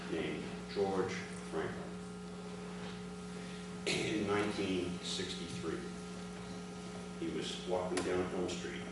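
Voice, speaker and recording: A middle-aged man with a lowish voice and lively pitch swings reads a formal address deliberately, giving his father's prepared account at a ceremony. He faces a gathering in a large indoor room, recorded from afar on a distant mic, so the sound is echoey and noisy.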